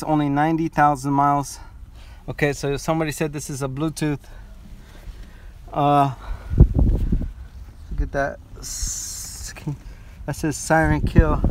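A man live-streaming a vlog from an outdoor car auction, chatting excitedly with viewers and thanking them over and over. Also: a little high, normal speed, background noise. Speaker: vlogger.

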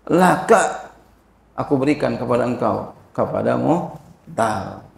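A man teaches a religious lesson in a slow, unhurried voice with a gravelly edge. He keeps checking that his listeners understand and lifts his voice to chant Arabic phrases. The sound is echoey, as in a large hall. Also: mid-range voice, a little mellow. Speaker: Islamic teacher explaining a classical fiqh text. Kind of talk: informal religious lesson, reading Arabic text and explaining it. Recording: echoey room.

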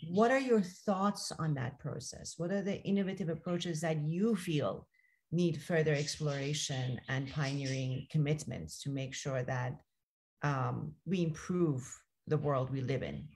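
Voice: medium pitch, unhurried, a little mellow, a little hiss or hum. Enthusiastic moderator asking long questions. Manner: enthusiastic, hesitant with fillers. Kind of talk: panel discussion moderation.

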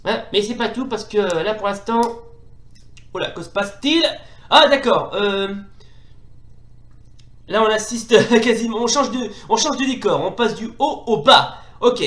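A man giving live commentary on a retro fighting game, hesitant and full of fillers, bursting into excited exclamations during the fights. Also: sits high, unhurried, long pauses. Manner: hesitant, many fillers and restarts. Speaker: retro gaming video host. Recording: roomy echo.

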